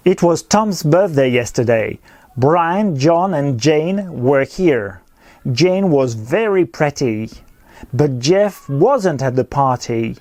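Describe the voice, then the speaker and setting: Speaking extremely slowly with an animated voice on the high side and a darkish tone, a man explains English grammar clearly and patiently. The recorded lesson includes repeated pronunciation drills.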